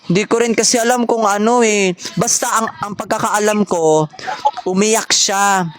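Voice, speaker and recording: Playful chatty gamer in mid pitch. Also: steady tone, normal speed, fairly bright tone, soft background music. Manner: chatty, playful, mock-serious banter; mixes in English phrases. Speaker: gamer playing online with others. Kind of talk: casual gameplay chat.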